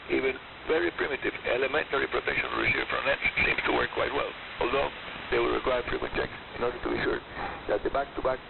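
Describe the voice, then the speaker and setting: A radio programme host with a gravelly, mid-range voice delivers a scripted presentation. It comes through as a hissy, narrow-band shortwave radio broadcast, with static and hiss in the background.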